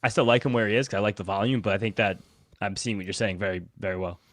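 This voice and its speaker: A man's voice: on the low side, steady tone, no room sound. A man analyzing fantasy baseball on a podcast, rattling off long run-on explanations. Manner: rapid-fire, run-on explanations. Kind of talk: casual podcast chat.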